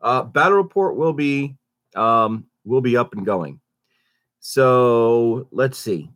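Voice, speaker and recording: A man's voice: mid-range voice, takes it slowly. A man hosting a casual morning update for his channel, sounding stuffy and under the weather, rambling with many fillers and restarts. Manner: animated, swoops up on greetings. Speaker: YouTube channel host.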